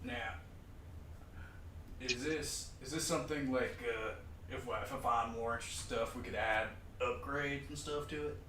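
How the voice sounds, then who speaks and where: A man's voice: medium pitch, a little slow, sharp tone. A man joking casually as a player in a tabletop game. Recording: roomy echo, distant mic, faint noise.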